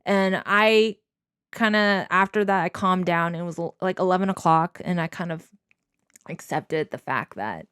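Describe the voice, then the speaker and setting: A woman's voice: on the low side, measured pace, a bit bright, clear, resonant tone, no room sound, studio quality. A young woman telling a personal story casually and candidly as a co-host, with lots of informal filler words. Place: small bedroom, indoors. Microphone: handheld microphone.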